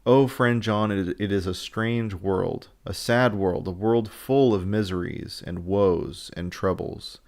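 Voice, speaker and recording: An old, sorrowful Dutch professor speaking in earnest, broken old-fashioned English, as a man reads him aloud. The voice sits low and gravelly. It is a storybook reading, not a stage performance. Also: takes it slowly, hardly any pauses, darkish tone.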